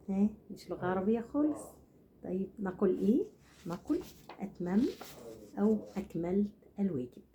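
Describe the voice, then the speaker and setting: A woman's voice: mid-range voice, mellow. A woman with an Egyptian accent teaching correct Arabic in a casual, playful lesson, quizzing listeners with repeated questions.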